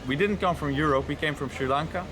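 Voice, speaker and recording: A man traveler answering questions outdoors in a relaxed, easygoing way. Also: fairly high pitch, quick pace. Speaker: tourist interviewee. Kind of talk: casual street interview. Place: outdoors by a city river. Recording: street noise outdoors.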